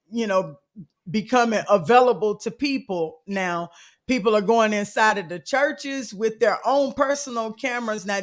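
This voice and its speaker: An emphatic woman hosts a casual podcast chat, her voice pitched a bit high. She takes her time, drawing out her words, with a folksy, preachy edge as she introduces the night's topic. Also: fairly bright tone. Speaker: podcast co-host. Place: live-streamed podcast.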